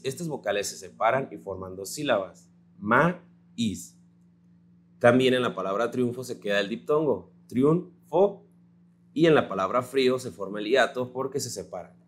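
A man's voice: mid-range voice, a little hiss or hum. Patient male teacher, Mexican accent. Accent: Mexican Spanish. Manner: slow, patient, spells out syllables. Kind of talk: recorded grammar lesson.

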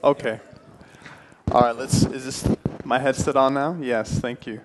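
In a church hall featuring a stone fireplace, a young guest speaker from Puerto Rico, in his twenties, delivers an earnest, friendly talk, restarting now and then. He speaks unhurriedly in a mid-range voice with fairly even intonation. The audio is very noisy, and he moves from a handheld mic to a headset.

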